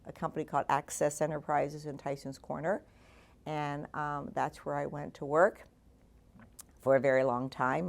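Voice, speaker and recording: Low, gravelly older woman. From Washington, D.C. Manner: relaxed, halting with many fillers. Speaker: award honoree. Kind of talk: personal life story.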